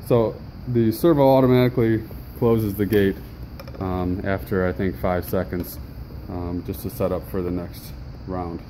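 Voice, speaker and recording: Low-voiced man demonstrating a home build. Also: a little slow, background noise. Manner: relaxed, explanatory, many ums and uhs. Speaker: hobbyist maker demonstrating his build. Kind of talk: casual show-and-tell walkthrough. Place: home basement, indoors. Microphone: handheld phone camera.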